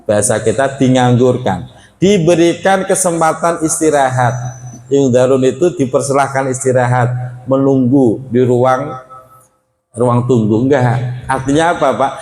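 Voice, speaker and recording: A man teaching a Quran study lecture in a casual, conversational way, often addressing his listeners as sir, and reading Arabic phrases slowly before explaining them. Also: mid-range voice, a little mellow, echoey room. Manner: conversational, addresses audience as Pak.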